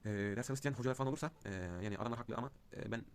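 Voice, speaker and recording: A man's voice: mid-range voice, very fast, slight background noise. A young man talking casually to the camera in a vlog, rambling with many fillers and ranting when annoyed. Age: young adult. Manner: agitated ranting. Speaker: vlogger. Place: outdoors in cold wind.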